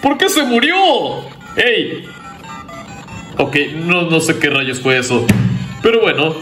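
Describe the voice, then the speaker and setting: A man's voice: fairly high pitch, sing-song, slow pace. A man narrating a casual toy review in the role of presenter. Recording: roomy echo, music behind. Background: music.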